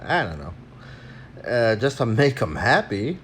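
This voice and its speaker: Rambling, animated man on a phone stream. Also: medium pitch, a little slow, a little hiss or hum. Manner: crude, rambling, frequent fillers. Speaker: vlogger. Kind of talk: casual livestream rant.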